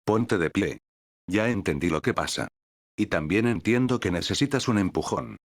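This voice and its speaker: A man's voice: low voice, expressive, normal speed, no echo, clean studio sound. A man voicing an impatient, blunt old male hero mentor. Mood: gruff.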